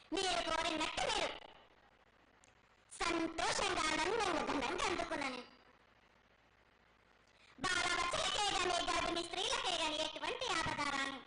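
A woman speaking as a festival oracle in a declamatory, repetitive prophetic trance voice. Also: very high voice. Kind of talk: ritual prophecy spoken as the goddess. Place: temple festival ceremony. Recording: echoey, very noisy live festival broadcast.

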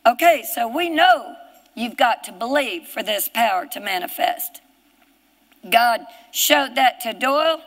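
Woman preacher, Southern US accent, fervent, reads scripture, high pitch. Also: animated, measured pace, big-room sound, rough recording. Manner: fervent, rising to shouts, reads scripture aloud. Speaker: preacher on a ministry broadcast. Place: television studio set.

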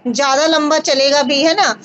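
A woman in her thirties hosting a casual video call chat, reassuring and warm in manner, blessing her guest with pious phrases. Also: high-pitched, steady tone, normal speed. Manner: warm, reassuring, says mashallah. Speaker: host of a home remedy channel. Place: small room indoors. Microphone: video call on phone. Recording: dull lo-fi video call audio.

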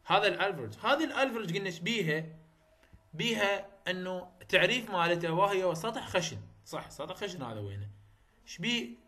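The speaker is a man lecturing on phonetics at a university, his Iraqi Arabic accent clear in a high, bright, forceful voice with big pitch swings and a fairly quick pace. He repeats key terms, checks for understanding, and mixes in English.

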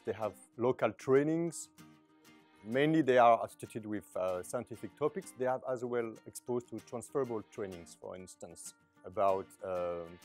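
A middle-aged man in an interview describing training and summer schools, informative with hesitant fillers, filmed in a large bright hall. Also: on the low side.

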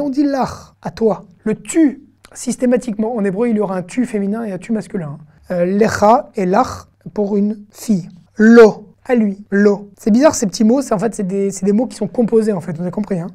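A woman's voice: mid-range voice, mellow. A woman teaching an online language lesson, patiently sounding out syllables and checking in with her students. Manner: patient, repeats sounds slowly, checks in with listeners. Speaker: Hebrew teacher.

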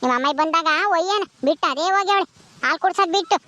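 A woman's voice: very high-pitched, racing, very noisy. A woman playing an ailing, bossy village wife in a comedy skit, with a rural Karnataka Kannada accent and a nagging, scolding manner.

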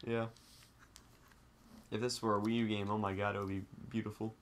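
A young man giving casual, excitable, joking commentary as he hosts a game playthrough. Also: lowish voice, a little fast, slight background noise. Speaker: let's play host.

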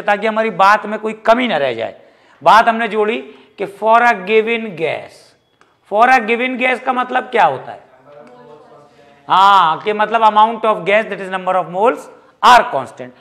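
Lively, high-voiced man teaching physics. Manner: lively, jokey, mixes English terms into Hindi. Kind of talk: classroom lecture.

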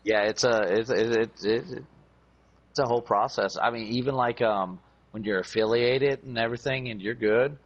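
A man's voice: mid-range voice, normal speed, muffled recording. A man hosting a hunting channel, chatting casually outdoors at dusk, rambling and cussing, with a lot of stumbling restarts. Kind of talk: casual chat while hunting.

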